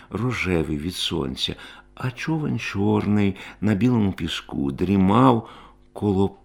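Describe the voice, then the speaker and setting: Gravelly male storybook narrator. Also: low-pitched. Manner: expressive reading, rising and loud in tense moments.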